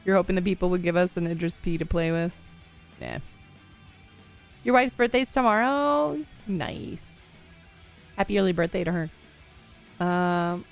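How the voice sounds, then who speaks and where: With soft background music playing, a woman in her thirties streams a game and chats warmly with her audience, laughing often and using plenty of "like" and "you know." Her voice sits low with vocal fry and lively intonation, and she speaks a little slowly with long pauses.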